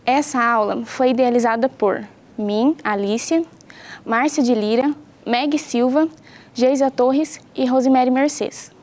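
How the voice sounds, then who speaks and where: A young Brazilian woman is teaching a school science lesson to pupils at home. Her high, light voice is unhurried and a little mellow, and she explains every point clearly and patiently, often putting questions to the children.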